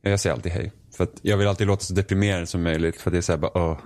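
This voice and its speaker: A young Swedish man with a fairly low voice co-hosting a laid-back chat podcast. He talks in a dry, self-deprecating way, often restarting his sentences. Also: steady tone, noisy background. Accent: Swedish from Sweden, Finland-Swedish family background. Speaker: podcast co-host. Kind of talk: casual chat.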